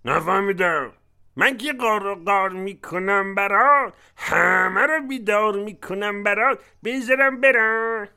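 An actor voicing a loud, cranky male crow in a children's audio story. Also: high voice, vocal fry, clean tone, exaggerated voice. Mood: indignant. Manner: cawing, indignant.

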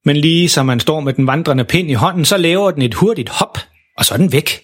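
A man narrating a children's story in a lively, expressive way. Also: on the high side.

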